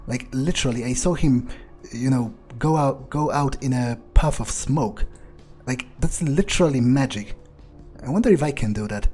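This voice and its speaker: A man with a medium-pitched, slightly mellow voice talks at a normal pace, faint music playing behind him. He's a role-playing game streamer commenting in character, musing and muttering crudely as he thinks aloud. The recording has faint noise and game ambience.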